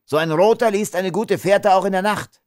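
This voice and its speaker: A man reading an audiobook, voicing a blunt, rough frontier soldier with a brash, offhand manner. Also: sits high, moderate pace, no room sound, studio quality, pitched above the performer's own voice, natural voice.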